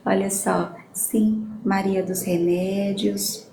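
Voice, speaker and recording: A woman's voice: mid-range voice, little pitch movement, gravelly. A woman leading a prayer session, affectionately reading out names and prayer requests, often adding "amém" and "né". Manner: affectionate, reads out names slowly, frequent amém and né. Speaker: church leader taking prayer requests. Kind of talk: live-stream prayer session. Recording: echoey room with ambient noise.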